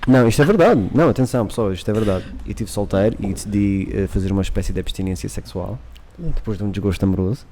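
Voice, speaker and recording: A man's voice: lowish voice, quick pace, hardly any pauses, warm tone, slight background noise. A man with a European Portuguese accent, hosting a casual chat and talking candidly with jokes. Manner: candid, jokey, confessional. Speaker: podcast host.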